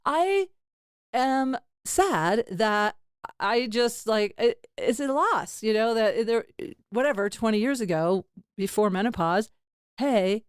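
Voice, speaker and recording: A woman's voice: a little high, animated, slow pace, clean tone, dry recording, clean studio sound. A middle-aged woman hosting a podcast, talking frankly and rambling, often laughing at herself. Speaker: podcast host. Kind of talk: candid casual interview chat.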